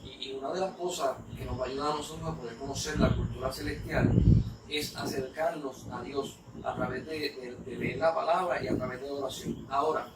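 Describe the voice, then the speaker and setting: A Puerto Rican man preaching emphatically in a church talk. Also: a little high. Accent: Puerto Rican Spanish. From Puerto Rico. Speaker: ministry speaker. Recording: echoey room, mic far off, noisy.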